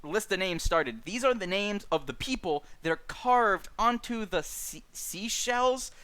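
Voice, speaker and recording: Man, fairly high voice, lively pitch, halting casual talk with fillers, book club host on stream. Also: clean tone. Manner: lively, halting with many fillers, dry asides. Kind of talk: casual chat, reading a list of names. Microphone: streaming mic.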